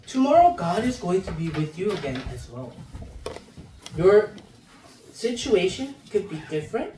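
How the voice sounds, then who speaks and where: A man in his thirties preaches to young people at an unhurried pace, his pitch rising and falling in lively swings. He acts out children's moods with playful voices as he talks into a handheld microphone. The sound is roomy and echoing, picked up from some distance, with a faint hiss behind it. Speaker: assistant pastor. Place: classroom in front of a chalkboard. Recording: roomy echo, mic heard from a distance.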